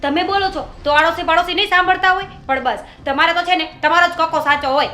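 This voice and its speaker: A woman playing a high, sharp-tongued young sister-in-law. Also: steady tone, fast talker, echoey room, slight background noise. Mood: indignant. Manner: retorting, indignant.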